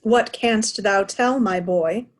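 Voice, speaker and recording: A woman's voice: mid-range voice, slow pace, natural voice. A woman playing a proud, aging, wounded old king in a Shakespeare reading. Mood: brooding. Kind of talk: Shakespearean reader's theatre acting.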